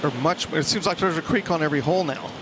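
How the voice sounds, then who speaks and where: Halting male golf commentator, outdoor noise behind. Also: on the high side. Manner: halting, thinking aloud. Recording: clear outdoor background noise.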